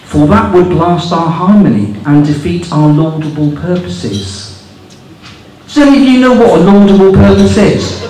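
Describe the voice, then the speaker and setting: A man's voice: sits high, expressive, normal speed, mellow, a little hiss or hum. A man in his fifties doing stand-up on a small club stage, reading rules aloud in a mocking, incredulous way and swearing for laughs. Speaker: stand-up comedian. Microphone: handheld mic on stand. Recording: echoey room recorded from far off.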